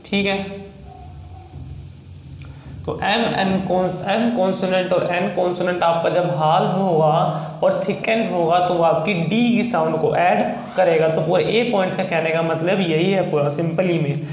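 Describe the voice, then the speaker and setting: A man's voice: high voice, fairly even intonation, measured pace, reverberant, rough recording. A man from India teaching a shorthand lesson, explaining step by step and spelling words out letter by letter. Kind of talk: classroom lesson.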